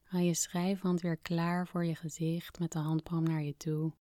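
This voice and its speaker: A woman speaking softly and gently as a podcast host guiding a calming breathing exercise, with phrase endings that fade toward a whisper. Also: lowish voice, unhurried, no room sound, clean studio sound. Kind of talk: soft, soothing guided relaxation narration.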